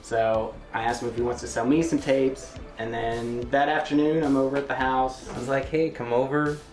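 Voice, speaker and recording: A man's voice: mid-range voice, steady tone, normal speed, darkish tone, faint music behind. Chatty man in an echoey room. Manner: chatty, laughing between phrases. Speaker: interviewee, tape collector. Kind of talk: interview storytelling.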